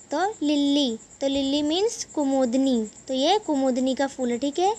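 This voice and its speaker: Slow, high-voiced woman teaching children. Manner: slow, spells words letter by letter. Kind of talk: children's English lesson.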